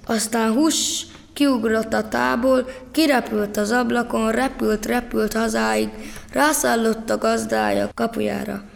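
A woman narrating a children's folk tale in a gentle, rhythmic storytelling manner. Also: a little high, fairly even intonation, gravelly. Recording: reverberant room.

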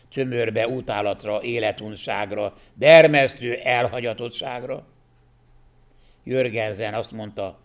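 A man's voice: mid-range voice, vocal fry. A man preaching a sermon in a declamatory way, rising and falling for emphasis.

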